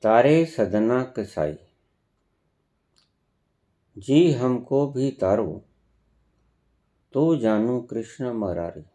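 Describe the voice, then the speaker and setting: Slow, lively preaching man. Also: medium pitch. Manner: explains slowly, rising emphatic phrases. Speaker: spiritual teacher. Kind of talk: sermon.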